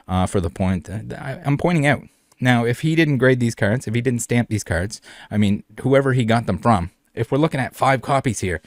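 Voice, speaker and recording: A man's voice: fairly low pitch, dry recording, studio quality. A man hosting a trading card video in casual commentary, rambling and repeating phrases, with many fillers. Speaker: trading card channel host.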